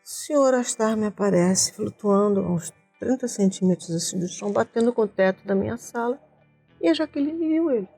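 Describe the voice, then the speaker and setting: A woman from Rio de Janeiro tells her personal story at a fast clip, acting out the voices of others as she goes. Her voice is warm and mellow with a husky edge. Faint music plays underneath. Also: medium pitch, lively intonation. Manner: vivid retelling with quoted voices. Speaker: interview guest.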